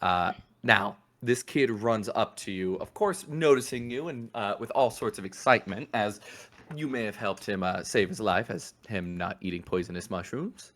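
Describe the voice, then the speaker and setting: A man narrating a tabletop game as game master, rambling in a relaxed way with lots of fillers. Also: lowish voice, normal speed.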